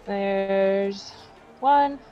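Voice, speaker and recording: A woman's voice: mid-range voice, extremely slow, faint music behind. A woman playing a tabletop game, talking casually and a little unsure of herself. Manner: hesitant, unsure. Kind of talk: casual chat. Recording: dull lo-fi sound.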